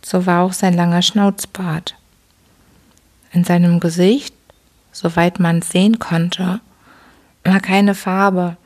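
A woman hosting a sleep podcast, reading a bedtime story aloud in a soft, slow, whispery voice. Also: lowish voice, level tone.

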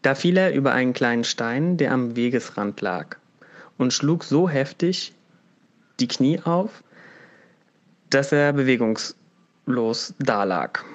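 Man calmly reading a fable aloud. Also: medium pitch, muffled recording. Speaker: storyteller.

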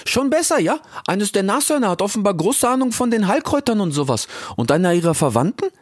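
A man's voice: high voice, big pitch swings, fast, slightly rough, no room sound, studio quality, voice pushed up, exaggerated voice. A man voicing a brash, cheerful young male animal who talks in street slang, in an audiobook. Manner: slangy, tags lines with "ja?" and "ich schwör". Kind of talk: audiobook character voice.

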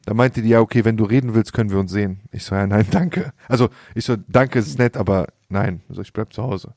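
A man's voice: on the low side, fast, vocal fry, darkish tone, no echo, studio quality. A young man telling a story in casual slangy chat, often laughing and acting out quoted lines. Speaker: podcast host.

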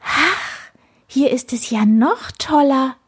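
A woman voicing a cheerful, lonely little male creature in a children's story, gushing and wistful in a raised, breathy voice. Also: mid-range voice, measured pace, darkish tone. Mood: delighted.

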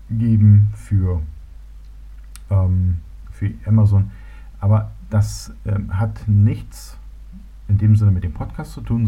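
A man's voice: fairly low pitch, breathy edge. A man from Berlin hosting his own podcast, talking casually and hesitantly with lots of fillers. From Berlin, Germany. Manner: relaxed, hesitant with many fillers and restarts. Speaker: podcast host. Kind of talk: casual solo podcast talk. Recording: tinny phone-like sound.

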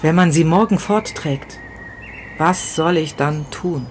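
On an outdoor city balcony, with faint music behind her, a woman uses a deep voice to read a tormented, grief-stricken man in a first-person literary novella. The mood is grieving and desperate as she falters, repeats herself, whispers, then breaks into outbursts.

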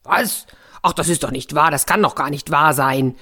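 A woman's voice: sits low, a bit bright. A woman voicing a proud, stern king who gives orders and doubts what he hears. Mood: incredulous. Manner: commanding, quick to doubt. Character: stern proud king, middle-aged man.

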